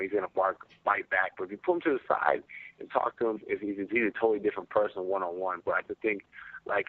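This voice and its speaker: A fast-talking man on speakerphone. His voice is low, and it comes through a tinny, dry phone line. His talk is rapid and casual, full of "you know", as he answers a press call. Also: dry recording. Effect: heard over a speakerphone line. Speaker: fighter and reality show cast member. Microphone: telephone.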